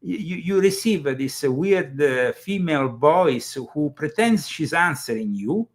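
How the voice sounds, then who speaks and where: A man hosting a political commentary show, talking casually with halting starts and many fillers. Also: on the high side, animated. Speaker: host.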